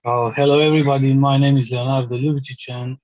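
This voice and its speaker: A man from Croatia slowly and hesitantly introducing himself as national delegate. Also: mid-range voice, level tone, a little mellow. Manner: slow, hesitant. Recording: dull, dry call audio.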